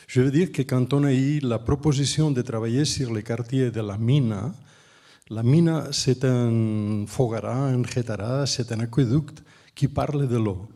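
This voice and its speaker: A man from Spain with a Spanish accent, a non-native speaker giving an unscripted conference talk as an urban planner, halting and emphatic, often repeating words. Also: medium pitch, mellow. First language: Spanish or Catalan.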